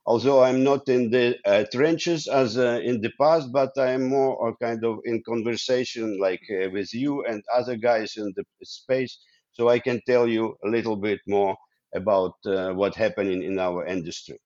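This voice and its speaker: A middle-aged man born in Ukraine, a Russian native speaker, speaking English as an interview guest in halting sentences full of fillers and restarts. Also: medium pitch, steady tone, a little mellow, dry recording, muffled recording. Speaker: guest, founder of an online professional community. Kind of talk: casual interview conversation.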